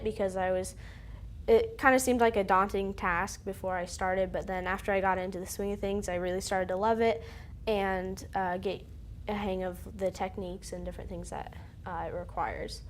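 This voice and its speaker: A teenage girl, a student filmmaker, chatting in an interview with many fillers. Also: mid-range voice. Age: teens. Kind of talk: casual interview.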